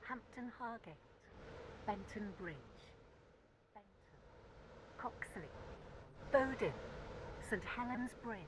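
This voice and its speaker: A woman's automated onboard train announcement built from spliced-together recorded words, each station name a separate clip with uneven loudness. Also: fairly high pitch, animated, slow pace, long pauses, background noise.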